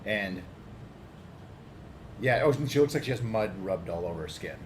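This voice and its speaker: A man's voice: on the low side, expressive, normal speed. A man narrating as game master, describing scenes casually with fillers. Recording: echoey room with background noise.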